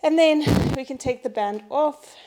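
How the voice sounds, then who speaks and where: A mellow, high-sitting female voice at a measured pace belongs to a Pilates instructor running a guided strength workout. Short of breath, she talks through each move, keeps count of reps and gives encouragement.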